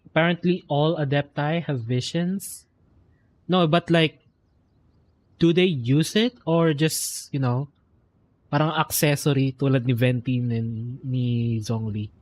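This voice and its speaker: With a Filipino accent, a streamer reacts and muses aloud in informal game commentary that switches between two languages. The voice is mid-range and steady, a little slow and slightly mellow, over game music in the background.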